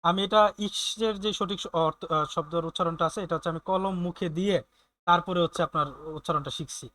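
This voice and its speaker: A man teaching German in an online class, explaining slowly with many fillers and often checking in with his students. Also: sits high, fairly even intonation, bright, forceful tone, no room sound.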